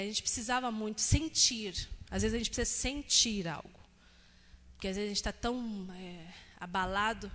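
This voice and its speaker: A woman's voice: on the high side, fairly bright tone, long reverb tail. A woman pastor with a Brazilian Portuguese accent giving a sermon, telling personal family stories in a chatty way with frequent tag questions. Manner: chatty, frequent "né?" tags, acts out quotes of family. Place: church hall.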